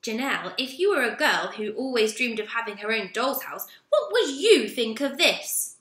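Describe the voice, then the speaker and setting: A man's voice: extremely high pitch, sing-song, moderate pace, sharp tone, heavily acted. A woman voicing a stern, perfectionist young male store manager who talks in a clipped, emphatic way. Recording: roomy echo.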